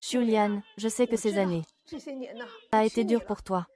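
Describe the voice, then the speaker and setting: A woman's voice: mid-range voice, moderate pace, natural voice. A woman dubbing dialogue for a family drama with an emotional delivery. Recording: loud crowd noise behind.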